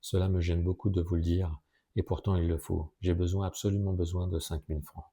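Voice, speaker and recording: A distressed young woman, anxious and hesitant, pleading in a shaky voice, as a male reader puts her on. It comes across as a plain storybook reading. The tone stays dark and low. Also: flat delivery, fairly quick.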